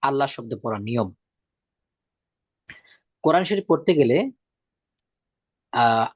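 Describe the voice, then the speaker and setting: A man teaching a Quran reading lesson. He repeats each rule patiently and draws out the example words slowly. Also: on the high side, dry recording, dull audio. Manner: drawn-out slow demonstration of words.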